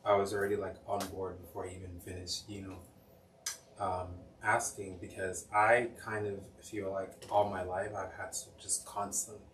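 A man's voice: sits low, level tone, normal speed, a bit bright. A young man from Cameroon, a podcast guest, talking in a chatty, jokey way full of "um" and "like". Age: young adult. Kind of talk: casual interview chat. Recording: roomy, distant mic, faint noise.

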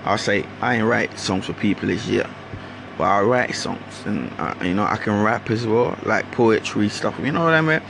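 Hosting his own podcast, a Guyanese man with a London accent carrying Caribbean traces rambles through a casual solo monologue. His voice is gravelly and on the low side at a normal speed, and his talk is slangy with frequent restarts. Background noise runs throughout.

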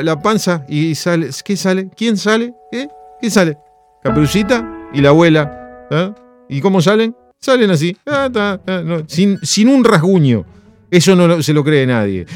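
Animated radio host. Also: male voice, on the high side. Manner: animated storytelling, rhetorical questions. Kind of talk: radio chat and story reading.

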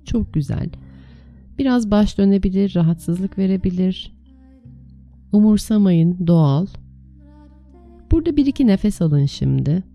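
A woman with a very dark, soft-edged voice and a creaky grain leads a guided meditation. She gives gentle, soothing instructions in short, unhurried phrases, with music playing behind her. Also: mid-range voice, lively intonation. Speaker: meditation teacher leading a guided meditation.

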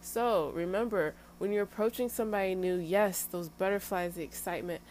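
A woman's voice: mid-range voice, fairly quick, darkish tone, a little hiss or hum. A young adult woman talking candidly to her viewers, chatty and emphatic, with laughing asides. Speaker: vlogger sharing dating lessons. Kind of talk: casual personal talk to camera.

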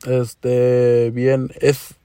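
This young male podcast host, who has a northern Mexican border accent, narrates stories casually in profane slang laced with Chicano-style English and acts out the dialogue. His medium-pitched voice is monotone and very slow, dark, clear and resonant.

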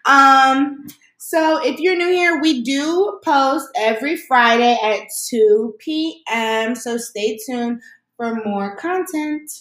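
A woman's voice: sits high, takes it slowly, fairly bright tone. A young adult woman co-hosting a podcast, chatting in a loose, rambling, playful way. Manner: laid-back, rambling, playful. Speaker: podcast co-host. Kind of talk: casual chat. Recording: echoey room, voice a bit far off.

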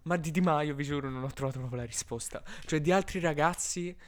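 A young man talking straight to his audience in a loose vlog monologue. His voice sits a little high for a man. He tells stories with lively, joking exaggeration. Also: fairly quick. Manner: animated, joking, exaggerated storytelling. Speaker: vlogger.

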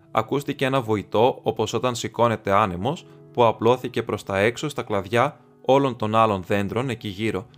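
A man from Greece narrates an audiobook at a steady, measured pace. His voice sits at an ordinary male pitch. Soft music runs faintly beneath the reading. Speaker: audiobook reader.

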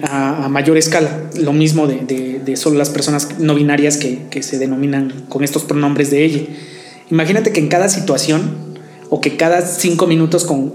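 A man's voice: a little high, darkish tone. Man, hesitant, roomy echo. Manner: hesitant, repeats words while arguing. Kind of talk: casual debate chat. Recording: roomy echo with faint music.

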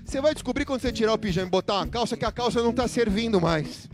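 A pastor with a high-pitched voice talks very fast during a livestreamed church sermon, telling a funny story and joking around with his congregation. He's chatty and keeps tossing questions out to the crowd, with guitar music playing underneath.

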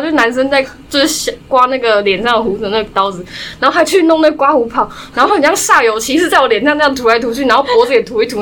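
A young woman from Taiwan chatting casually, telling stories in quick run-on clauses. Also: a little high, a bit bright, a little hiss or hum. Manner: rapid storytelling, strings clauses with "然后". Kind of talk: casual chat.

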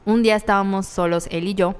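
Mexican girl telling a story on a podcast, smooth clear voice, lots of slang, roomy reverb. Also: medium pitch, steady tone, quick pace. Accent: Mexican Spanish. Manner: candid, laughs through hard memories, slangy. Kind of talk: casual conversational storytelling.

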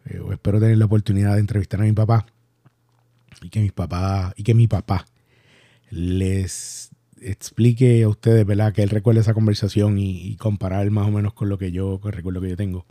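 A Puerto Rican man with a Puerto Rican Spanish accent, hosting a podcast and recounting a personal story in a halting, reflective way. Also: fairly low pitch, little pitch movement, warm tone, no room sound, clean studio sound. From Puerto Rico. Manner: halting, reflective, many restarts and fillers. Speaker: podcast host.

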